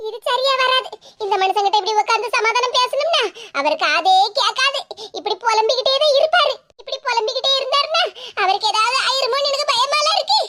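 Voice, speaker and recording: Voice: extremely high pitch, expressive, fast talker, pushed and bright, heavily acted. A voice actor playing a worried middle-aged cartoon wife and mother in Kanyakumari Tamil, who coaxes and frets aloud. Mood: fretting. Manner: coaxing, repeats pleas, frets aloud to herself. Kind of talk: cartoon comedy voice acting.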